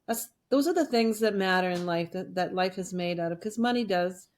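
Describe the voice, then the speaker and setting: A woman's voice: fairly low pitch, a little fast, darkish tone. A woman co-hosting a casual interview, speaking in an effusive, sentimental way. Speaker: podcast co-host.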